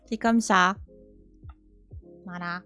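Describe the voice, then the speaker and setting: A woman's voice: lowish voice, fairly even intonation, very slow, sharp tone, clear, resonant tone, soft background music. A French woman in her thirties, chatting casually and teasingly on a live stream from home, talking back to her chat. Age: 30s. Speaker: Twitch streamer. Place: at home, cat nearby.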